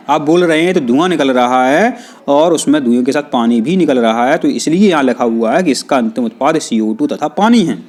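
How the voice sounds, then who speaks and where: A man's voice: a little high, a little mellow. A man teaching a science lesson, who keeps putting questions to his students and answering them himself. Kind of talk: classroom explanation.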